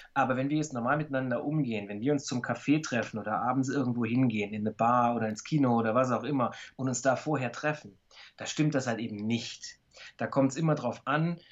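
A man explaining body language in a calm, example-filled way during a video call interview. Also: mid-range voice, muffled recording. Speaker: body language expert guest.

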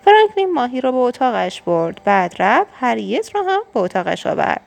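A woman reading a children's storybook aloud in a calm narrating voice. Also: a little high, creaky.

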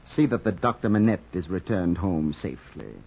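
A man's voice: sits low, animated, normal speed, a little mellow, heavily acted. A sinister, menacing nobleman. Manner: smooth, menacing politeness. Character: sinister aristocratic older brother, coldly threatening. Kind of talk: 1940s radio acting. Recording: muffled 1940s radio transcription.

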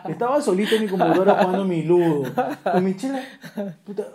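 A man's voice: high voice, animated, fast, a crowd in the background. A man with a Peruvian accent, animatedly telling a story in casual, slang-heavy, swear-filled chat with a friend. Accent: Peruvian Spanish. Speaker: podcast co-host.

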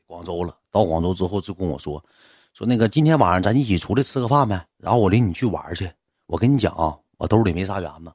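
Low-voiced Northeastern Chinese man telling stories. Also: dry recording, studio quality. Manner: rambling, colloquial, addresses listeners as brothers. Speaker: storyteller, livestream host. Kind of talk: comic personal storytelling.

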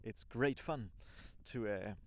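A man's voice: on the low side, slow pace, a little hiss or hum. A man speaking non-native English with a Swiss accent, rambling informally and thinking aloud as he records a casual audio diary as an amateur podcaster.

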